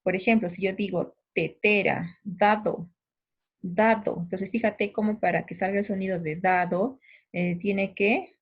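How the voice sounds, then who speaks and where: Woman teacher, husky voice, tinny phone-like sound, patient, sounds out examples and checks in a lot. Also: medium pitch, fairly even intonation, unhurried. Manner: patient, demonstrates sounds aloud, checks in with the listener. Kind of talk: recorded phonetics lesson.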